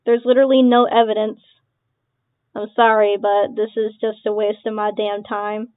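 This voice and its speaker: An online creator, a young woman, responds to accusations with casual reaction commentary that is sarcastic, dismissive and full of swearing, with laughter between her remarks. Her medium-pitched voice has a level tone, moderate pace and a clear, resonant quality. The recording has no room sound but comes across tinny, phone-like, lo-fi and dry.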